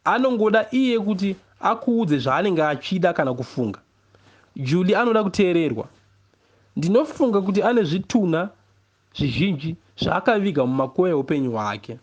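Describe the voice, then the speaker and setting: With a Zimbabwean accent, a man reads a first-person literary story in a measured, expressive way, pausing deliberately. He is a novel reader and poet whose voice is high-pitched and animated, and the recording's highs are cut off.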